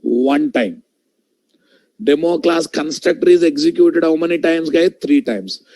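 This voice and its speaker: A man's voice: on the high side, unhurried, a little mellow, no room sound, low-quality recording. A man with a Telugu Indian accent teaches a live online programming class, repeating key phrases and often checking in with direct questions to his students. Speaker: programming instructor. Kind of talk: live online coding lesson.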